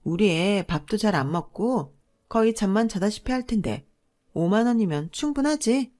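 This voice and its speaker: A woman voicing a pushy, greedy middle-aged sister-in-law who scolds and demands in a loud voice. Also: mid-range voice, lively intonation, normal speed, lightly acted. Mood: demanding.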